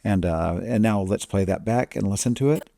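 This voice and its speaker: A man narrating a casual software tutorial as an editing instructor, recorded as a close voice-over. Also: fairly low pitch, normal speed, creaky.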